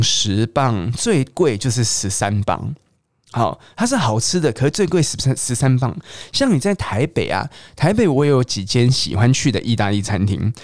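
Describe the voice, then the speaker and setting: Lively Taiwanese man teaching, chatty. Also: medium pitch, no echo, clean studio sound. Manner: lively, chatty, mixes English words into Mandarin. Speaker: English teacher. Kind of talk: casual teaching monologue.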